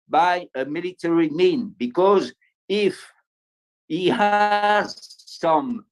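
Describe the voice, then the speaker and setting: Man, French accent, slightly high voice, slow halting delivery, many fillers, video-link conference talk. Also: poor audio. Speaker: panel speaker.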